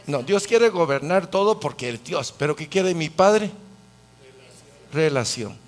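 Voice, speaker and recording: Male preacher, a touch high, lively and questioning in his Bible teaching. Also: measured pace. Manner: asks the audience questions, lively.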